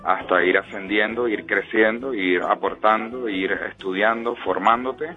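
A Venezuelan-born politician speaks as a radio guest in a measured, earnest way. His voice is very low. He comes through a tinny phone line with faint music behind. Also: steady tone. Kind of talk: radio interview.

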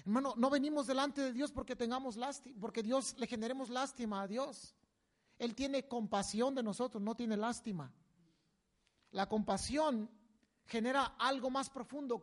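A male preacher delivers a sermon. His delivery is animated, with sudden loud, emphatic bursts. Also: extremely high pitch, moderate pace.

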